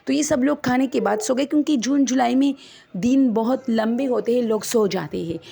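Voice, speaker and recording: A woman's voice: on the high side, vocal fry, warm tone, husky. A woman, chattily retelling a first-person ghost story to her listeners as friends and acting out the quoted dialogue.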